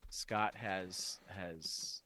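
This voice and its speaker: A man's voice: deep voice, fairly even intonation, extremely slow, sharp tone, slight background noise. A man co-hosting a comics podcast in casual chat, rambling with many restarts and fillers. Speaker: podcast co-host.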